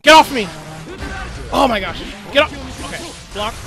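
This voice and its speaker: Excitable young man shouting over a fighting game. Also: very high voice, moderate pace, creaky, soft background music. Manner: talks himself calm with repeated okays. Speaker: gaming streamer. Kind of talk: live gameplay commentary.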